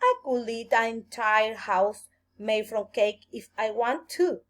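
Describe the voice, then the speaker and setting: A woman's voice: a little high, slow pace. Woman putting on a boastful, greedy big rabbit. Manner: bragging, confident.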